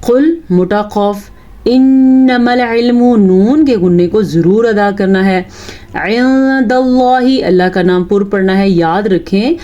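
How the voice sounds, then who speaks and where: A woman with a Pakistani Urdu accent teaches Quran recitation, her voice mellow and warm at a middling pitch. She chants each verse slowly, then explains the pronunciation rules in a patient, corrective tone. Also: muffled recording. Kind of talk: tajweed lesson.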